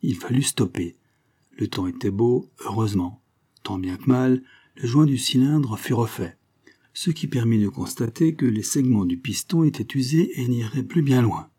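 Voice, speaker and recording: A man narrating an adventure novel in a steady, even storytelling way. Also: medium pitch, moderate pace, husky. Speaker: audiobook narrator.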